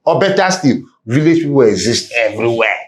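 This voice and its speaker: A Nigerian man speaks conversationally as an interview guest. His voice sits at a middle pitch, and he drives his advice home in an emphatic, preacher-like way with rhetorical questions. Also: big pitch swings, fairly quick. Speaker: podcast guest, real estate business executive.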